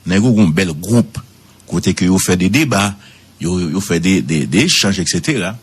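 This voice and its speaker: A man with a Haitian accent giving radio commentary, swooping high for emphasis and repeating words. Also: lively intonation, normal speed, slightly rough.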